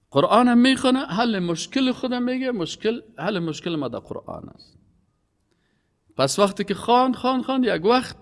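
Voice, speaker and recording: A man giving an emphatic religious lecture, his voice rising on key words and dropping low. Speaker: Quran teacher. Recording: long hall reverb.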